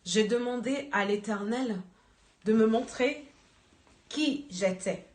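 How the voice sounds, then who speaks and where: A woman giving an earnest church exhortation, slow and searching for words. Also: fairly high pitch, a little mellow. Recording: echoey room.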